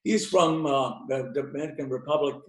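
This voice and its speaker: A man's voice: on the high side, normal speed. Older man, roomy echo. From Cuba. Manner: rambling anecdotes with many fillers and restarts. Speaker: interview guest, beauty expert. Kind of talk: storytelling interview answers.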